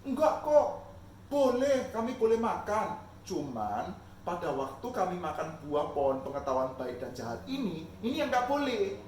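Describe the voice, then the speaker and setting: An anxious first woman protests in quick repeated bursts, as a man puts her on. Her raised voice jumps around eagerly. It echoes in a bare room, heard from some distance. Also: high-pitched, sing-song, darkish tone, a little hiss or hum. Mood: defensive. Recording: echoey room, mic far off.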